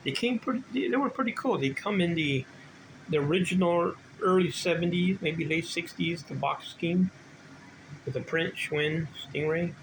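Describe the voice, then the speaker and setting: An older vintage bike collector shows off his gear from a home workshop room indoors, wandering off into casual asides as he chats. His voice is on the high side and moderately paced, captured in poor audio with noticeable background noise.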